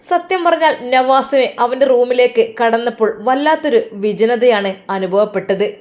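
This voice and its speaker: A woman storyteller with a Malappuram accent, narrating earnestly and with feeling. Her voice sits fairly high. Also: moderate pace, a little mellow. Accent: Malappuram Malayalam.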